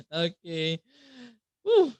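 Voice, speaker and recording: Man, podcast host, slightly high voice, measured questions, dry close recording. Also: wildly swooping pitch, darkish tone, no room sound. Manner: slow, measured, with short laughs and backchannels. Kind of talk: interview questions.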